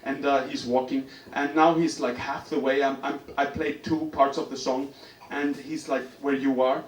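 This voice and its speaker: A man with an Icelandic accent, a singer-songwriter telling an animated, self-mocking story on stage at a small cafe concert. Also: medium pitch, moderate pace. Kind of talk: stage storytelling between songs. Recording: roomy live venue, distant mic.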